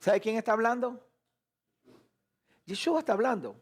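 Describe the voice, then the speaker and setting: A man's voice: very high-pitched, moderate pace, slightly rough. A man teaching a live sermon, firing rhetorical questions at his listeners. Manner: animated, asks the audience many rhetorical questions. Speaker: preacher.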